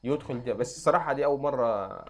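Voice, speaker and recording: A young adult man with an Egyptian accent, teaching an Arabic grammar lesson and quizzing students with quick questions. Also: medium pitch. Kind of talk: classroom lesson.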